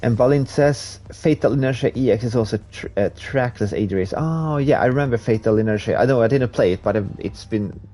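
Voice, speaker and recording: Talking a little fast with few pauses, a man with a mid-range, dark-toned voice chats to his live stream audience while racing. He's Swedish, English is his second language, and he reads comments aloud and laughs at himself.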